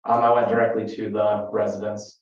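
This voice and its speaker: A man's voice: fairly low pitch, flat delivery, a little fast. A man, a police trooper, testifying in court in a hesitant way with many ums. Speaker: state trooper witness. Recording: distant, dull, echoey courtroom audio.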